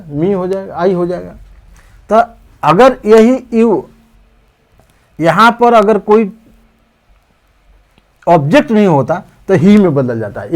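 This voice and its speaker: A man teaching English grammar in an explanatory lesson, repeating the rules and slowly dictating example sentences. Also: sits high, a little mellow.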